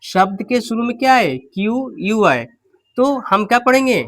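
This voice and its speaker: A man teaching English pronunciation in an online class, unwell with a slightly low voice, repeating words slowly and quizzing his students. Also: big pitch swings, a bit bright.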